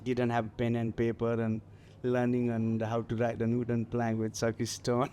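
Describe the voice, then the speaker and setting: A man in his forties from Nepal, speaking with a Nepali accent, talking haltingly with many fillers as a guest on a festival stage interview. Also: medium pitch, monotone, dark tone, a little hiss or hum. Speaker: guest mountaineer.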